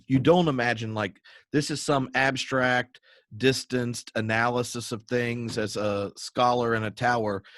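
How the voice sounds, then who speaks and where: A man with a fairly low voice hosts a live online show, asking halting questions full of uhs and ums. The sound is dry and close. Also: fairly bright tone, no echo. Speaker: podcast host. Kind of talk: live video-call interview.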